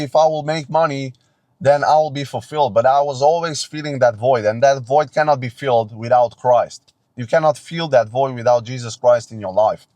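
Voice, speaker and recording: Speaking in a medium, slightly mellow voice with no echo, a sleepless young man gives an intense, off-the-cuff pep talk outdoors in a forest at dawn. He's a self-improvement vlogger whose first language is Romanian. The recording is close and dry, and his manner is earnest and preachy, full of repetition.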